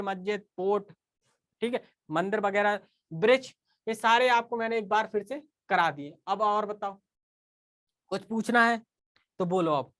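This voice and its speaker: A man's voice: sits high, a bit bright. A man teaching a casual live online class, talking straight to his students and often checking in with "okay".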